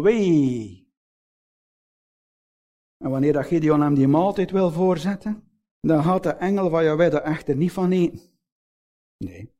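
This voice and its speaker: High-voiced Flemish preacher. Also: male voice. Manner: earnest, addresses listeners directly with frequent rhetorical questions; swings between raised emphatic phrases and low, slowed, hushed endings. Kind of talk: sermon.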